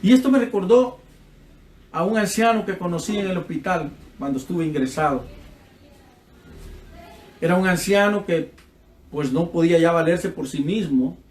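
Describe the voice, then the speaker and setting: A man's voice: high-pitched, expressive, moderate pace, long pauses, darkish tone, roomy sound. A man preaching a sermon with passion, acting out the voices in his stories, with a Central American Spanish accent. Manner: impassioned, acts out dialogue in his stories.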